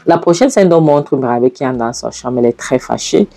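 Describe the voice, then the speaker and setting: A woman's voice: a bass voice, lively intonation, a little fast, creaky, warm tone, soft background music. A woman casually retelling a film scene by scene and adding her own chatty asides. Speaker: movie recap narrator. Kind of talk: casual storytelling recap of a film.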